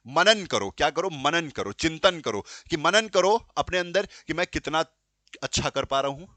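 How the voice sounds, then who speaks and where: Man, teacher, exam-prep lecture, quizzes and answers himself, repeats key terms, tense bright tone, dry sound. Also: on the high side, no room sound. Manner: addresses students as bachche and beta. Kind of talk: classroom lecture.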